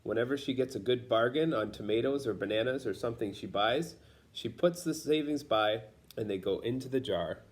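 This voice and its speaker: A storybook reader with a medium-pitched voice reads a picture book aloud for children, narrating in simple phrases at a fairly quick pace, as a read-aloud storyteller does for young listeners.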